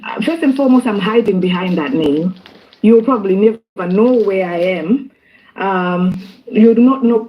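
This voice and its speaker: A woman's voice: fairly high pitch, highs cut off. A woman from Zimbabwe speaking as a guest in a discussion, thoughtful and hesitant, with many fillers and restarts. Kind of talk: casual discussion.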